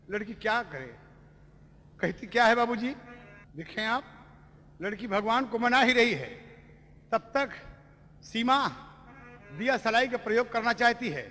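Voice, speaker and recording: High bright Bhojpuri storyteller man. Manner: declamatory, addresses audience as babuji. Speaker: Birha singer-storyteller. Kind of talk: dramatic Birha folk storytelling. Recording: echoey stage recording with music. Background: music.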